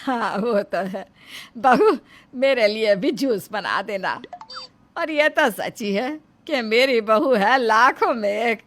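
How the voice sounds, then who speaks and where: A woman's voice: fairly high pitch, animated, slow pace, faint music behind. A woman playing a stern older mother-in-law who scolds her daughter-in-law. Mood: pleased. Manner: scolding, complaining.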